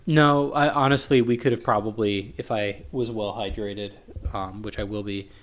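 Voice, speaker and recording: A man's voice: fairly low pitch, fairly even intonation, normal speed. A young man co-hosting a casual podcast, joking and sarcastic, swearing offhandedly. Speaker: podcast co-host. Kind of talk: casual chat.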